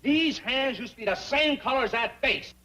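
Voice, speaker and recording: A man's voice: very high voice, animated, normal speed, pushed and bright, highs cut off, slight background noise, full character voice. An actor playing a fed-up young man who answers with dry, sardonic wisecracks.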